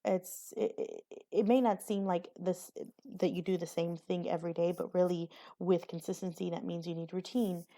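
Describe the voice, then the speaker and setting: A woman's voice: on the low side, fairly even intonation, moderate pace, few pauses, warm tone. A young woman giving a recorded class presentation on a poem, hesitant, with many fillers and restarts. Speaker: student presenter.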